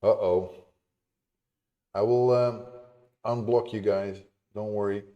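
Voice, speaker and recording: Male streamer, lowish voice, unhurried, chatty and apologetic with chat. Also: fairly even intonation, lo-fi sound. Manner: chatty, apologetic, easily amused. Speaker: game dev streamer. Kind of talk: casual live-stream chat with viewers.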